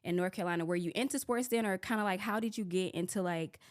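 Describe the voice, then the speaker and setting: A woman from Florida hosts a relaxed podcast interview. Her voice sits a little low, and her talk is loose and chatty. She fills her questions with "like". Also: quick pace. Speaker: podcast host. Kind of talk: casual interview chat.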